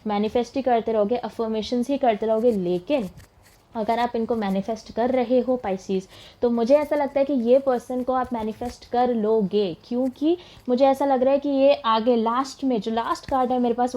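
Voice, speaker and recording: A woman's voice: a little high, warm tone. A young woman giving a casual tarot reading, chatting and mixing English phrases into her talk. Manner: chatty, mixes English words into Hindi, laughs as she talks. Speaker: tarot reader.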